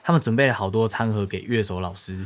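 A man who is a regular on the show, chatting casually, animated and laughing often. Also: on the low side, quick pace. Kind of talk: casual chat.

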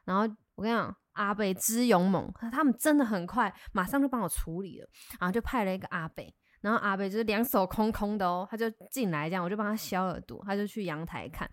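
A woman with a Taiwanese Mandarin accent, telling a story in casual, expressive chat as a co-host. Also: medium pitch, fast talker, few pauses, dry recording, studio quality.

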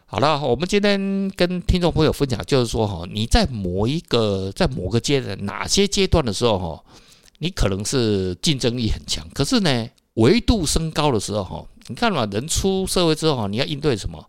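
A man's voice: mid-range voice, big pitch swings, fairly quick, dry recording, studio quality. A man with a Taiwanese Mandarin accent, hosting a casual solo talk for listeners, rambling with filler particles and tag questions. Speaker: podcast host.

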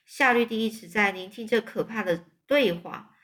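A woman's voice: fairly high pitch, normal speed, a bit bright. A woman reading a children's book aloud as a storyteller, retelling it in plain narration.

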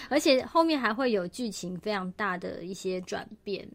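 A young woman with a slightly high, somewhat bright voice co-hosts a casual chat about her radio drama, giggling and laughing often as she talks. She's a radio drama co-host and voice actor, and music plays in the background.

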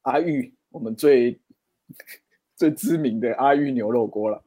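A man's voice: medium pitch, a little slow, dark tone. A man around thirty with a Taiwanese Mandarin accent, joking wryly in casual chat. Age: 30s. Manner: joking, wry banter.

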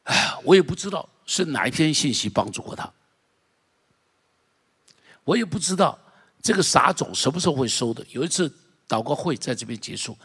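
Male pastor, a bit high-pitched with a gravelly edge, preaches with energy and calls on the congregation to repeat after him. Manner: animated preaching, leads the congregation in repeating phrases. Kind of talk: sermon.

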